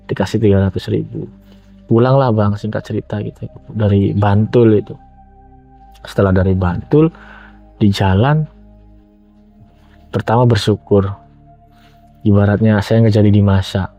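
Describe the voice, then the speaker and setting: A man's voice: on the low side, normal speed, vocal fry, pauses often. A middle-aged man with an Indonesian accent casually tells a personal story, acting out quoted speech as he goes. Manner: animated retelling with acted-out quotes. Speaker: guest telling his own story. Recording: dull lo-fi audio with background music. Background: music.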